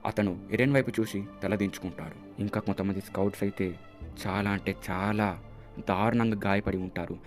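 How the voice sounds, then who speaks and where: A man's voice: lowish voice, steady tone, moderate pace, faint music behind. A man telling an anime episode's story in a chatty way, acting out the characters' lines as he goes. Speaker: YouTube channel host. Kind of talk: casual anime episode recap.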